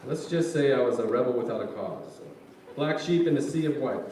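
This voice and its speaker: A man's voice: medium pitch, animated, brisk, warm tone, natural voice. A man playing a grumbling, joking middle-aged son in a staged reading, casual and colloquial. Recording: echoey hall, distant mic, faint noise.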